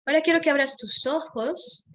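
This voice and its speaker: A woman, a mentor leading an online masterclass, calmly guiding listeners through a reflection exercise and slowing down on repeated phrases. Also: high voice. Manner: calm, slows down on repeated phrases.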